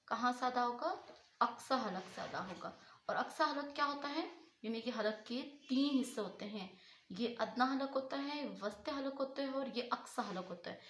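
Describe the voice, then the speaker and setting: A woman's voice: on the high side, fairly bright tone, roomy sound. A woman teaching Quran pronunciation, who asks herself questions and answers them as she explains each letter. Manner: repeats her own questions and answers them. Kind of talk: explanatory tajweed lesson.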